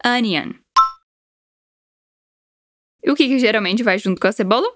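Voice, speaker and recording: A woman's voice: a little high, rapid-fire, no echo, clean studio sound. A woman from Brazil giving a chatty, encouraging English lesson and explaining the words. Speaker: English teacher. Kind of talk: language lesson.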